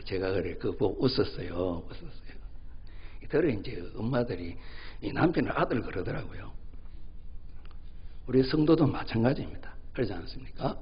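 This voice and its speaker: A man's voice: lowish voice, animated, moderate pace, pauses often, slightly rough. A male pastor preaching a sermon in a conversational way, often asking his congregation questions and acting out family dialogue while telling a joke. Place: church sanctuary. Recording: dull, reverberant church recording.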